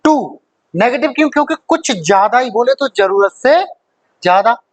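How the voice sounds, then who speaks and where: A man's voice: very high-pitched, expressive, moderate pace, no echo. A man teaching English grammar in a live online class, in a chatty, joking way with many rhetorical questions and checks that students follow.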